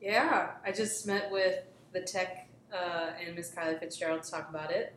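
A woman's voice: lowish voice, steady tone, normal speed, a bit bright, slight background noise. A young woman who organizes and co-hosts improv shows, talking casually and rambling with many fillers. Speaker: improv show organizer and co-host. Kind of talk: casual chat. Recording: echoey room.

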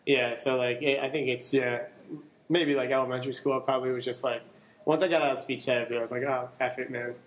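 A man's voice: mid-range voice, steady tone, quick pace, poor audio. A man from Long Island, New York, chatting as a podcast guest in a rambling way, full of fillers and restarts. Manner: rambling, self-correcting, many fillers. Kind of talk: casual podcast chat.

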